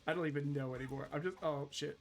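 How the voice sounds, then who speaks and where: A man streaming a game, chatting casually, excitable and swearing as he plays. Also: fairly high pitch, fast. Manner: excitable, swears, laughs often. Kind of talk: casual live gameplay chat.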